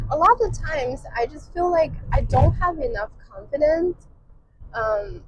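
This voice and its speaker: Slow, soft-spoken woman with lively pitch. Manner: hesitant, many filler pauses. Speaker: vlogger. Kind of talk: casual reflective monologue. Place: in a car while driving to work. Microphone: clip-on mic. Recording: dull lo-fi with faint car noise.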